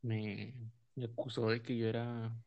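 A Mexican man telling a story in casual chat, rambling with plenty of self-mockery. His voice sits at a middle pitch. The recording sounds dull and lo-fi. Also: little pitch movement, a little slow, vocal fry, no room sound. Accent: Mexican Spanish.

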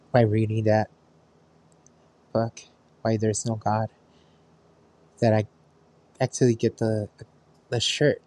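A man leaving a short voicemail, speaking slowly and evenly. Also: mid-range voice, darkish tone, rough recording. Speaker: caller. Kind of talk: voicemail message.

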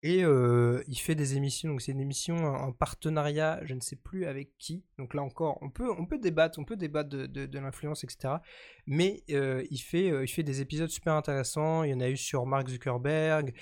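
A man's voice: a little high, brisk, darkish tone. A man co-hosting a casual podcast chat, talking with many fillers and restarts. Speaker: podcast co-host.

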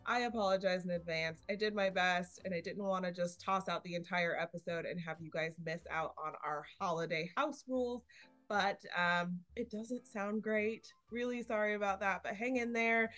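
A woman's voice: mid-range voice, fairly even intonation, normal speed, a bit bright, faint music behind. A woman hosting a podcast, giving a casual, apologetic note to listeners before the episode. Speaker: podcast host. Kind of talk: apologetic intro announcement.

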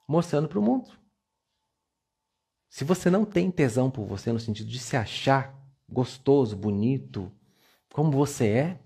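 A man's voice: mid-range voice, warm tone, husky. A man, giving a playful, coaxing motivational talk on a live stream and repeating words for emphasis. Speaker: live-stream self-esteem coach.

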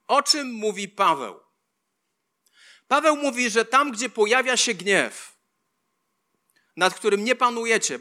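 A man's voice: high-pitched, pushed and bright. A man preaching a sermon, reading scripture aloud and repeating key lines for emphasis. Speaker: pastor.

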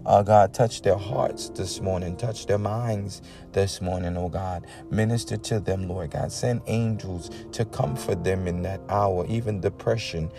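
Leading a morning prayer, a Bahamian preacher speaks in a low, creaky voice with fairly even intonation, unhurried yet with hardly any pauses. He prays and exhorts earnestly through devotional talk and extemporaneous prayer, repeating invocations and saying "amen" often, as music plays behind him.

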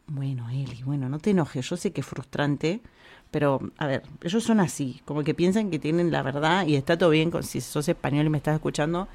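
A woman from Argentina with an Argentine accent, chatting casually to camera in an animated, opinionated way full of fillers. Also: low voice. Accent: Argentine Spanish. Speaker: vlogger.

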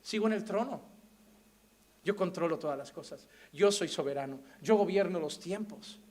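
A man with a Spain Spanish accent voicing God in a sermon, speaking slowly, solemn and commanding. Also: high voice, darkish tone, voice pushed down, natural voice. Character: God speaking, solemn sovereign male deity.

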